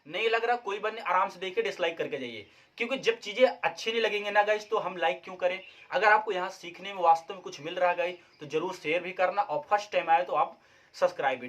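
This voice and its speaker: A man's voice: sits high, fairly bright tone. A male English teacher giving a video lecture in mixed Hindi and English, chatty, often checking in with his viewers and drilling example sentences aloud. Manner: chatty, repeats "guys" and "ठीक है?" as check-ins.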